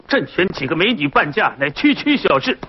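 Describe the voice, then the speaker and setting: An actor playing a haughty emperor in a costume drama, scolding and imperious, in a dull lo-fi clip. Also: male voice, high-pitched, very animated, brisk, slight background noise. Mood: imperious anger. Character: haughty angry male emperor.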